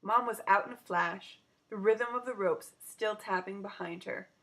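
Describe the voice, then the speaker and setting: With a mid-range voice and moderate pace, a woman reads a children's story aloud in an expressive storytelling style.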